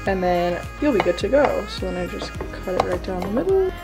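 A woman's voice: mid-range voice, sing-song, fairly quick, low-quality recording. Chatty young woman with background music. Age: young adult. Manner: chatty and self-deprecating, lots of ums and likes. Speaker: cooking vlogger. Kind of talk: casual cooking how-to. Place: home kitchen and backyard grill.

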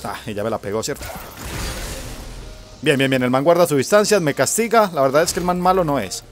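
A man's voice: on the high side, expressive, fairly quick, soft background music. A man with a Colombian accent giving casual, profane gameplay commentary, talking to himself and to his opponent as he plays. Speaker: gamer.

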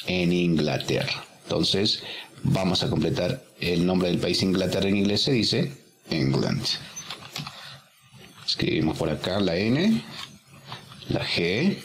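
Slow, patient male English teacher. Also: sits low, animated, a bit bright, a little hiss or hum. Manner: patient, explains each answer, repeats words slowly. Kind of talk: step-by-step exercise walkthrough.

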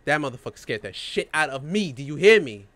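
A young man giving profane, excitable let's-play commentary while talking back to the game's characters. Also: on the high side, brisk, dry recording. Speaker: gamer playing a horror game.

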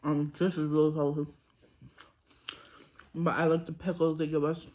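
A woman's voice: sits low, level tone, moderate pace, mellow. Chatty young woman eating on camera. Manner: chatty and rambling, with many ums and restarts; talks between bites, chewing and sipping. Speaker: vlogger. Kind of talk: casual mukbang chat while eating.

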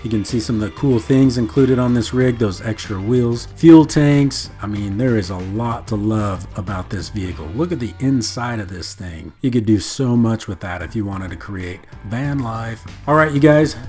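A man's voice: on the low side, normal speed, few pauses, a little mellow. Chatty male car vlogger over faint guitar. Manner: upbeat, chatty, reads listing text aloud. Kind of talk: casual screen-recording commentary.

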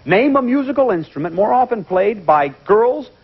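A man hosting a TV game show, lively and joking with the contestants, heard on an old VHS tape recording. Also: very high voice, moderate pace, breathy edge, dull audio. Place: TV studio with audience.

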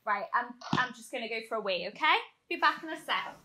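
Actress as an anxious young bride-to-be, bright high voice, roomy sound. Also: female voice, expressive, brisk, a little hiss or hum. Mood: wry. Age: young adult. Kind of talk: comedy short film acting. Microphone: video call.

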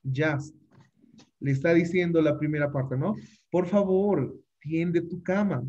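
Man, English teacher in an online class, fairly high voice, patient, repeats everything; muffled lo-fi audio. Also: slow pace, mellow. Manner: patient, repeats phrases and keeps checking with "¿no?". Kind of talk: online class taught in Spanish.

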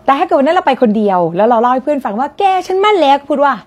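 A woman's voice: sits high, expressive, racing. A woman with a Thai accent gives an English vocabulary lesson. She is friendly and models each word for the viewer to say back. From Thailand. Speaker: English teacher.

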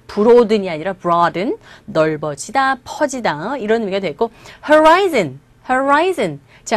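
A woman gives an online English lesson, modelling words again and again and firing questions at her students. Her voice sits a little high and swings widely, close and dry. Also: dry recording. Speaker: English teacher. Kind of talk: online lecture.

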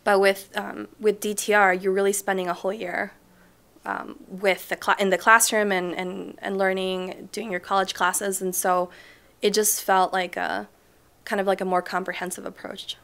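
A woman's voice: mid-range voice, flat delivery, moderate pace. Young woman teacher answering interview questions. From Chile. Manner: thoughtful, frequent ums, soft trailing off. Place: school library, indoors. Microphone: off-camera mic, seated interview framing.

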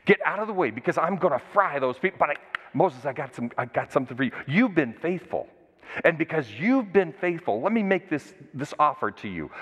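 A preacher voicing a commanding God. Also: male voice, on the high side, a bit bright. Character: stern, testing God speaking to Moses. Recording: dull recording with long church reverb.

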